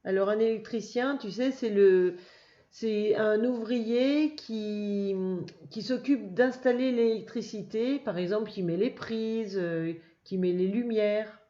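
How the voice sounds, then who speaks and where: Slow, patient woman teaching a reading lesson. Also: mid-range voice, warm tone. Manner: slow, patient and encouraging, praising the child. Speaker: first-grade teacher. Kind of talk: recorded reading lesson for young children. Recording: dull lo-fi, faint noise.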